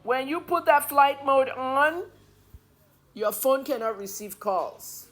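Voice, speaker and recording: A woman's voice: high-pitched, expressive, slow pace, fairly bright tone, faint music behind. A middle-aged woman with a Nigerian accent giving opinionated news commentary as a journalist, emphatic, blunt and scolding.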